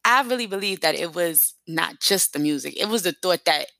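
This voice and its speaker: A fast-talking New woman hosts her podcast, rambling in slangy, casual talk. Her low voice has a gravelly fry and a bright, forceful edge. The close mic gives a dry sound. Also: expressive, no room sound. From New York. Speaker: podcast host.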